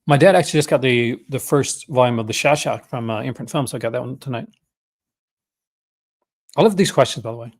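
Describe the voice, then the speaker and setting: A man's voice: mid-range voice, brisk, pauses often. Chatty man with a Newfoundland accent. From Newfoundland, Canada. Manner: chatty, folksy, enthusiastic asides. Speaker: host of a movie-collecting vlog. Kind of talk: casual unscripted chat.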